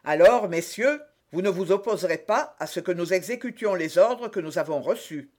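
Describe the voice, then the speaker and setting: A man's voice: sits high, expressive, moderate pace. A dutiful guard captain, put on by a male reader, questioning in a stiff, formal manner. His voice is raised and businesslike in this storybook reading. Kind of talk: audiobook reading.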